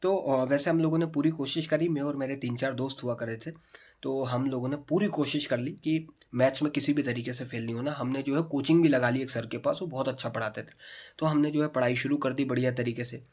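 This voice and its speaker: A man in his thirties telling a school story to camera, chatty and animated, talking straight to his viewers. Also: mid-range voice, fairly quick. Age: 30s. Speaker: storytelling vlogger.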